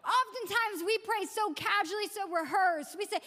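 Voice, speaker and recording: A woman's voice: extremely high pitch, normal speed, pushed and bright, in a large hall. A woman pastor preaching a sermon in a church, stressing key words by repeating them. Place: church sanctuary.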